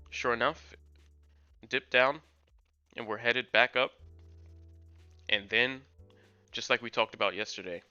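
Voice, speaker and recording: A young crypto trading streamer broadcasts live from home, giving upbeat chart commentary to his chat viewers even as a sore throat costs him his voice. His mid-range voice is bright, forceful and clean in tone. The sound is dull and lo-fi, with faint music in the background.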